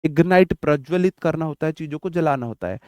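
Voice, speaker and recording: A man's voice: on the high side, fairly quick, darkish tone, dry recording. A man teaching vocabulary for exam prep in a casual, jokey way, mixing in memory tricks and stories from his childhood. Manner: chatty, jokey, tells childhood anecdotes.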